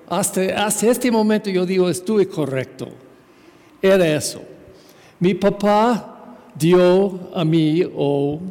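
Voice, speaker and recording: A parish priest giving a Sunday homily in Spanish as a second language, with an American English accent, halting and full of fillers as he searches for words, acting out the dialogue in his story. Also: high voice, mellow, in a large hall.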